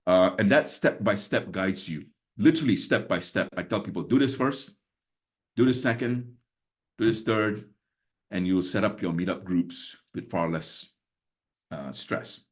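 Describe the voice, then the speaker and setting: Speaking a little slowly in a fairly low voice, a webinar host and business mentor in his sixties, raised in Singapore, chats through a casual live session on a video call. He fills his talk with fillers and lets out small chuckles between points.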